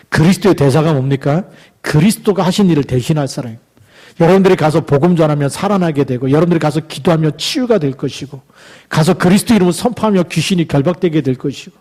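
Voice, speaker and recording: A middle-aged male pastor delivering a sermon, exhorting the congregation with rhetorical questions and reading scripture aloud slowly for emphasis. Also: a little high, darkish tone.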